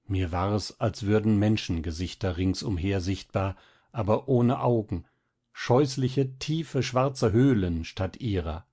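Man, audiobook narrator, expressive dramatic reading, low voice, husky. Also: unhurried.

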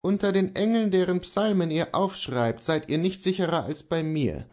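A man's voice: sits high, moderate pace, darkish tone, pitched above the performer's own voice, natural voice. A man reading the part of a proud, defiant male horse dealer turned outlaw, speaking earnestly and insistently.

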